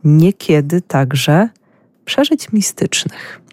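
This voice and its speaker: A woman hosting a radio talk show, introducing the theme and asking questions in a measured, searching way. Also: sits low, very animated, darkish tone, no room sound. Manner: slow, measured, searching for words. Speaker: radio host. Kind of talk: radio interview.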